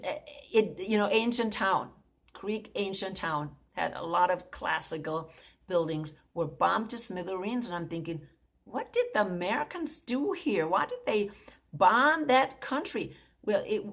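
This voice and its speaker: Slow-talking woman teaching Bible prophecy. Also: on the low side, a little mellow. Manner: conversational, keeps asking "okay?"; emphatic, repeats points.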